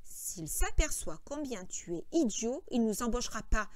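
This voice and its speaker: A bossy, short-tempered farmhand, as a woman reading a novel aloud plays him, scolding and impatient. The voice is raised and fairly high, with a close, dry sound. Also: big pitch swings, moderate pace, a little mellow, no room sound. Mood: instructing, scolding.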